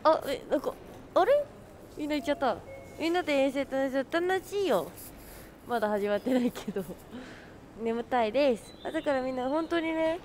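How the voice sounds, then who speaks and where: A woman's voice: high-pitched, lively intonation, fairly quick, a little mellow, slight background noise. A woman live-streaming outdoors, chatting casually with her viewers and friends and laughing often. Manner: bubbly, greets chat, laughs often. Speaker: livestreamer.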